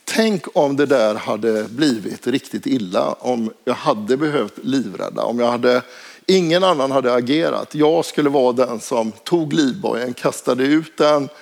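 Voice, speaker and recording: A man's voice: mid-range voice, creaky. A man telling a personal anecdote in a casual spoken way, hesitant and full of filler sounds. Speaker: storyteller.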